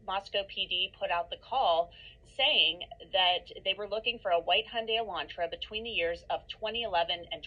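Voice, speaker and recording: A woman news reporter delivering a measured, informative broadcast update. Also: mid-range voice, bright, forceful tone, muffled recording.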